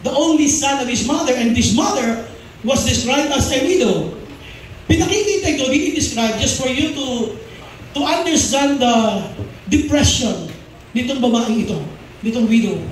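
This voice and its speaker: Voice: high-pitched, a little hiss or hum. A pastor preaching a sermon in a mix of Tagalog and English, who often asks the congregation questions and repeats key phrases. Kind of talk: Taglish sermon. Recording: very echoey hall, mic far off.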